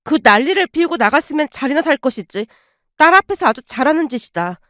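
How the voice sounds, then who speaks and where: A woman voicing a bitter, angry middle-aged mother who answers in sharp, curt retorts. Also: sits high, animated, a little fast, dry recording, clean studio sound.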